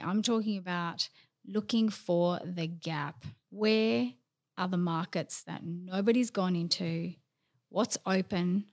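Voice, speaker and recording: Upfront chatty woman from Australia. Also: on the low side. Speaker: podcast guest, lawyer. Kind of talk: casual interview chat.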